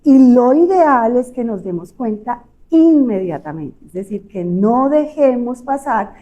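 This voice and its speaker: The recording is muffled, but this audiologist's fairly high voice moves in a lively way at a measured pace. Speaking with a Colombian Spanish accent, she gives a casual health talk full of fillers and rhetorical tag questions.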